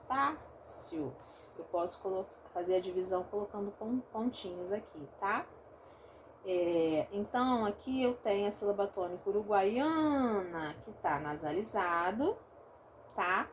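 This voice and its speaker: Her mid-range voice is expressive and a little slow, with slight background noise behind it. She's a phonetics teacher with a Rio de Janeiro accent, explaining a recorded online lesson step by step and frequently checking in with students.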